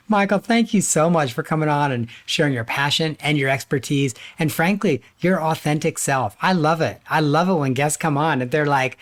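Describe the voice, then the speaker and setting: Upbeat male podcast host. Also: mid-range voice. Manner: upbeat, enthusiastic. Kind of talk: podcast interview hosting.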